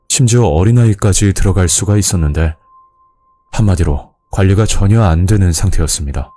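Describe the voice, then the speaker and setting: A man's voice: deep voice, dark tone. A man narrating a scripted first-person horror story.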